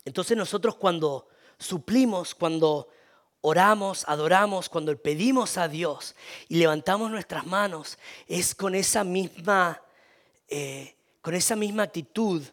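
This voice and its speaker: Guy preaching, lots of repeats and restarts, voice sits a bit high. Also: unhurried, a bit bright. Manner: repetitive, many restarts, calls for amen. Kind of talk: sermon.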